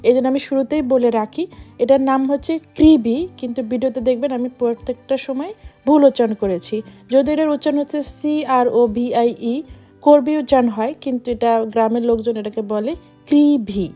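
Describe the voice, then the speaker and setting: Mellow high-voiced woman narrating voice-over. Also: fast, faint music behind. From Bangladesh. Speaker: travel vlogger.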